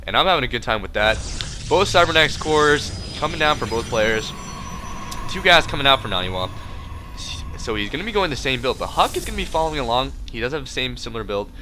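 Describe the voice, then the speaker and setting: A man's voice: medium pitch, sing-song, fast, background noise. A man with a congested, stuffy nose who breathes through his mouth, doing casual, rambling game commentary with joking, self-deprecating asides. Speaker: esports match commentator.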